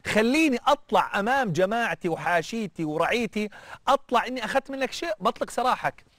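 Preacher doing a proud bargaining king, pitched high, pushy and raised, in a dry close sound. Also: lively intonation, quick pace, fairly bright tone, no echo. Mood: pressing. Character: proud scheming male king bargaining with a captive.

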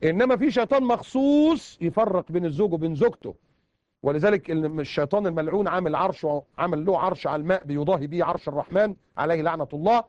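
A man with an Egyptian accent delivers a sermon at a breakneck pace in a fairly high voice, hammering points home with repeated words. The recording is dull and lo-fi but dry, with no room sound. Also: rapid-fire, darkish tone, no room sound. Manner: emphatic, repeats words for stress. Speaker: preacher. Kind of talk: colloquial sermon.

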